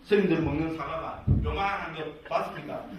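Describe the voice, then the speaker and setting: A man's voice: a little high, steady tone, a little fast. A man who teaches Buddhist scripture as a monk, in a jokey, conversational way that is full of tag questions. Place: lecture room with a live audience. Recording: echoey room from far off, faint hiss.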